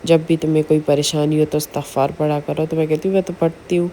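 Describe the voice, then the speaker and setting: A woman vlogging in a chatty, earnest way about faith, with many pauses and fillers. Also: deep voice, little pitch movement, warm tone, slight background noise. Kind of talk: casual religious advice vlog.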